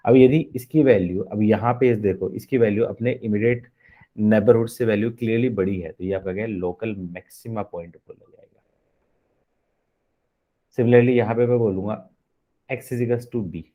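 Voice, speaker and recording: A man's voice: lowish voice, moderate pace, phone-quality sound. A man teaching a live online maths lecture in a Hindi-mix, explaining step by step and constantly asking the class questions.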